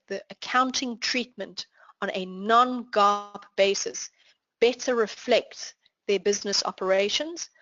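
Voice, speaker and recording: A woman with a South African accent, teaching a finance class online and walking through examples in a clear, explanatory way. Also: mid-range voice, fairly bright tone, no echo, lo-fi sound. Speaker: finance instructor. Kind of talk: live online class lecture.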